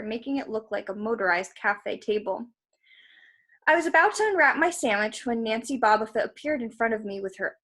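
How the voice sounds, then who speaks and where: Reading aloud in a rather high, fairly bright voice, a woman narrates a story expressively. She slips in casual comments directed at her audience.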